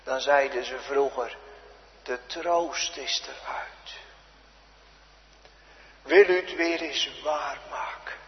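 A pastor preaching a sermon, swinging between loud cries and hushed near-whispers. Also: male voice, medium pitch, slow pace, long pauses. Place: church. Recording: dull lo-fi sound with long church reverb.

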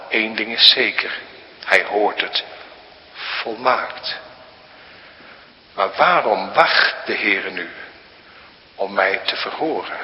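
A man preaching a sermon to a congregation, slow and emphatic, rising now and then to loud, high appeals. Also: highs cut off. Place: church. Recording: hall reverb.

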